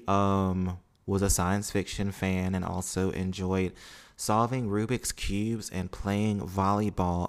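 A man hosting a podcast, reading news aloud and breaking off to comment in a relaxed, informal way. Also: sits low, smooth. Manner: reads news passages then comments informally. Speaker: podcast host.

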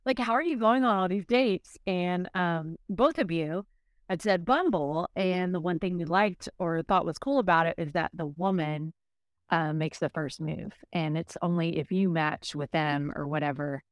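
A middle-aged woman co-hosting a podcast, telling her dating stories in an animated, casual way and laughing often. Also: deep voice, a little slow, no echo, clean studio sound. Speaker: podcast co-host.

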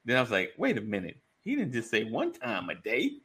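A man's voice: medium pitch, huge pitch swings, brisk, bright, forceful tone. A man hosting a casual live show with the joking, informal patter of a morning radio DJ, chatting to his audience. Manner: jokey morning radio DJ patter, greeting listeners by name; informal, colloquial phrasing. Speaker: host of a live online men's community show.

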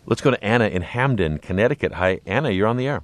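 A man working as a smooth radio host, moderating a call-in discussion and steering measured questions to his guests and callers. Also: lowish voice, expressive. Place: radio studio.

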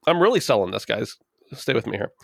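A man's voice: mid-range voice, sing-song, fast, creaky, no echo, studio quality. A man hosting a casual comedy podcast, joking and self-deprecating. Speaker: podcast host.

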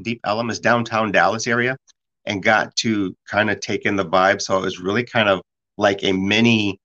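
A man hosting a casual conversation, telling stories in a rambling, lively way full of restarts. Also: lowish voice. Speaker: podcast host. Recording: dull lo-fi sound.

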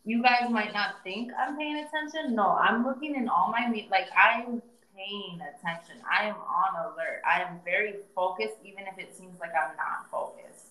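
A woman's voice: mid-range voice, normal speed, hardly any pauses, sharp tone. A woman co-hosting a podcast in casual chat, playfully defending herself in banter with friends. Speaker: podcast co-host. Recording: echoey room.

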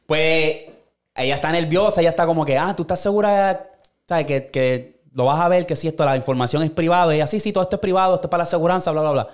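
Animated man telling a story. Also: fairly high pitch, quick pace. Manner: animated storyteller, acts out quoted voices, swears a lot. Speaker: podcast co-host. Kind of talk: casual chat.

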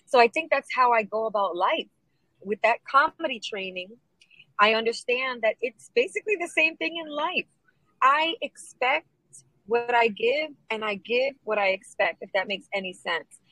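A middle-aged woman comedian from New York, chatting in an interview, upbeat and lively, dropping Spanish phrases now and then. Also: a little high, normal speed, no echo, poor audio. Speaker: guest, comedian and producer. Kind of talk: casual interview chat.

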